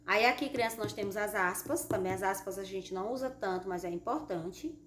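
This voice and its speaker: A Brazilian primary school teacher giving a recorded lesson, explaining patiently and reading example sentences with strong expressive intonation. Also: female voice, medium pitch, a little fast. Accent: Brazilian Portuguese. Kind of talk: recorded remote class lesson. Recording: echoey room with faint background noise.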